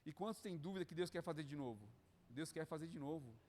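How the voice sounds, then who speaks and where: A Brazilian man preaches to church leaders with a fervent, pleading delivery. His voice sits somewhat high for a man, and he keeps checking in with the listeners and calling them dear ones. The sound carries a long hall reverb. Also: expressive, fast, darkish tone, a little hiss or hum. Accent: Brazilian Portuguese. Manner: fervent, pleading, adds "né?" and "queridos" often.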